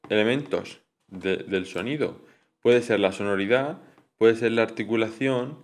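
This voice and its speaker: A young man with a somewhat low voice talks through his coursework as an informal study explanation. He hesitates often, filling pauses and restarting his sentences, and he drops English technical terms into his speech.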